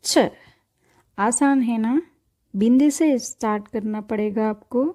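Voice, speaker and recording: Woman, patient teacher, repeats letters, high-ish mellow voice. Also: unhurried. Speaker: language teacher. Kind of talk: step-by-step writing lesson.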